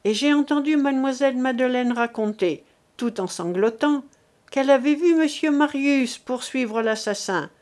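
A woman's voice: high voice, normal speed, a little mellow, lightly acted. A woman reading as an earnest male bystander.

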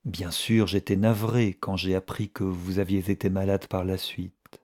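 A man's voice: deep voice, flat delivery, a little slow. A man voicing Mrs. Slade, a bitter jealous woman. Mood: mocking. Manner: sharp, mocking, flaring into outbursts. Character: bitter, jealous middle-aged woman, cutting and proud. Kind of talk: audiobook reading.

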